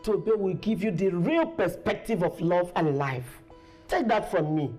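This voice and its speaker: A gushing Nigerian mama. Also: female voice, on the low side, expressive, measured pace, dark tone, soft background music. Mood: persuasive. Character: doting Nigerian mother pushing her daughter's match. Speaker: mother. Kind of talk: film acting.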